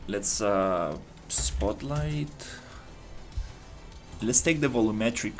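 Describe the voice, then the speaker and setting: Faint music plays behind a Costa Rican man as he streams his game dev work, his low-side voice animated but slow. It's casual live commentary, thinking out loud with lots of fillers and restarts.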